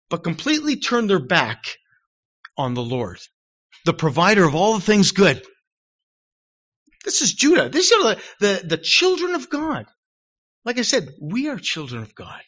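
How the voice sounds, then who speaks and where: A middle-aged man preaching a sermon in church, animated and self-deprecating, acting out shouted quotes. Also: fairly high pitch, moderate pace, long pauses. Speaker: pastor. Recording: dull lo-fi recording.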